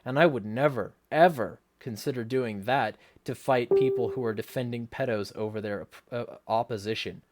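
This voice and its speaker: Male livestream host, mid-pitched, blunt and sweary, indignant ranting with some sarcasm. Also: normal speed, hardly any pauses. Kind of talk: ranting livestream talk, reading viewer comments.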